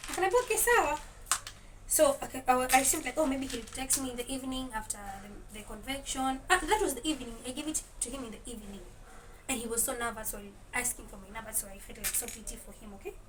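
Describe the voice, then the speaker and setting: A woman's voice: fairly high pitch, fast talker. A young woman chatting in a casual storytelling vlog, mixing Swahili words into her English and laughing often. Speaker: vlogger. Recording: distant mic with clear kitchen noise. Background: dishes and cutlery clinking.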